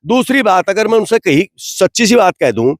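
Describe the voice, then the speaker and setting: A man's voice: high voice, very animated, normal speed, no room sound, studio quality. A man, giving an impassioned, indignant street interview full of rhetorical questions. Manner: rhetorical, indignant, repeats "bhai". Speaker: interviewee from the community.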